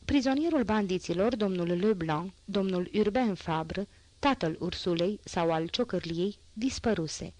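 A woman narrating a classic novel as an audiobook, in a measured literary reading. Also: medium pitch, lively intonation, darkish tone. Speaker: audiobook reader.

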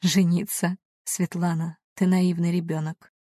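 A woman voicing a married male doctor who speaks in a flat, monotone voice. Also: unhurried, no echo, studio quality. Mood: cold. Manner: flat, monotone, slightly lowered. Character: man, married doctor, cold and evasive.

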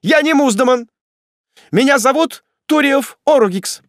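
A man voicing a terrified male prisoner, a fallen judge who begs for his life in a shrill, panicky voice. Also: expressive, moderate pace, darkish tone, dry recording, studio quality. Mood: desperate. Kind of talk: audiobook character voice.

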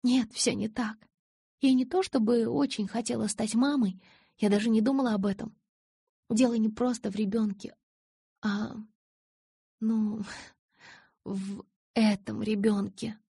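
A woman voicing a gentle but stubborn pregnant young woman in an audiobook, soft and reassuring. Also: fairly high pitch, fairly even intonation, measured pace, gravelly, pauses often, breathy edge, no room sound, clean studio sound, voice pushed up, full character voice. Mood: pleading. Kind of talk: audiobook character voice.

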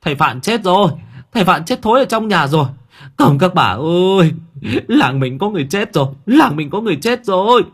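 A man's voice: high voice, expressive, a little fast, a bit bright, husky, voice pushed up, full character voice. A man voicing a terrified young village man who screams out alarming news. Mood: horrified. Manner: screaming, panicked.

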